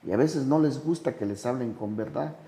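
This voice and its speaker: A man with a gravelly, mellow voice talks slowly and thoughtfully as a sponsor. He tells his anecdotes with animated jumps in pitch. The sound carries a long reverb. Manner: slow, measured delivery with dramatic pitch swings when telling anecdotes. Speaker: sponsor and podcast guest. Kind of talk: reflective conversational storytelling.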